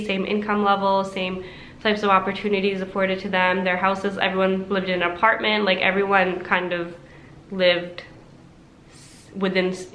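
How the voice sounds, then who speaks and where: A woman's voice: mid-range voice, sharp tone, echoey room, poor audio. A young woman from Toronto, talking casually to camera in a chatty way, full of asides. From Pakistan-born, raised in Toronto. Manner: chatty, lots of likes and asides. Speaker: vlogger.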